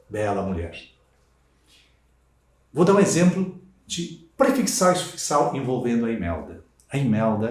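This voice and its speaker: A man with a Brazilian Portuguese accent teaching a recorded lesson, stretching key words slowly and checking in with listeners. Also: on the low side, a little mellow. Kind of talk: recorded lecture. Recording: roomy sound from a distant mic.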